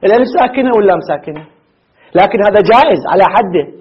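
A man teaching grammar to a class, asking rhetorical questions and repeating examples slowly. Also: sits high, expressive, slightly rough. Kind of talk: classroom lecture on Arabic morphology. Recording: muffled lo-fi lecture recording.

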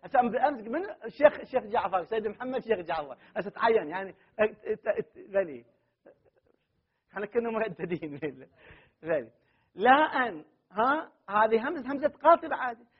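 High-voiced Iraqi man teaching a class. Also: animated, brisk, breathy edge. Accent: Iraqi Arabic. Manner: poses questions to the class and answers them himself. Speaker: religious seminary teacher. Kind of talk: classroom grammar lecture. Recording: muffled lo-fi recording.

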